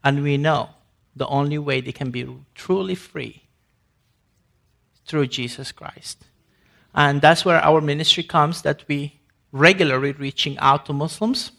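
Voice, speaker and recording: A man's voice: fairly high pitch, a little slow, gravelly, pauses often, a bit bright. A man from Sudan giving an emphatic ministry presentation to an audience, with grammar and frequent restarts. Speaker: ministry speaker.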